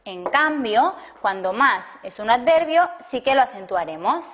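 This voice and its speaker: A woman teaching a language lesson, explaining rules slowly and dictating example sentences word by word. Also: fairly high pitch, animated. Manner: slow, deliberate, breaks sentences into single words. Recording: dull lo-fi classroom video audio.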